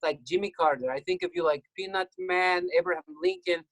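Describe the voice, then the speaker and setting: A man's voice: high voice, a little fast. A man playing a fawning traveler fan with a put-on foreign accent and broken English, calling in over a video call. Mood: gushing. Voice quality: broken grammar, gushing flattery. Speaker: caller.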